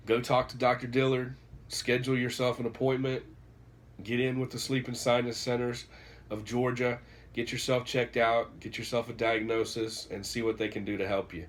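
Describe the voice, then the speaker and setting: This vlogger reviewing a book has a medium-pitched, level voice at an ordinary speed. Congested and nasal with a cold, he wanders loosely through his recommendation, tripping over fillers and starting over often.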